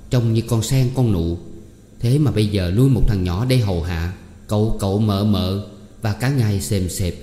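Male audiobook reader, even storytelling, mellow tone, echoey room. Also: on the low side. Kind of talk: scripted narration of a novel. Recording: echoey room with long reverb.

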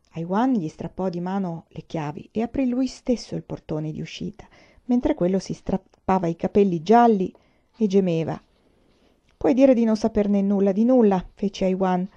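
A woman reading a novel aloud as an audiobook, in a measured, expressive way. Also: fairly low pitch, creaky. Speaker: audiobook reader. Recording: dull lo-fi recording.

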